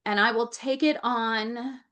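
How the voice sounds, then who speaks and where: A woman's voice: fairly high pitch, steady tone, takes it slowly, fairly bright tone. A woman giving a channeled Akashic Records reading over a video call. She relays what her guides say, often repeats phrases and stops to ask them questions.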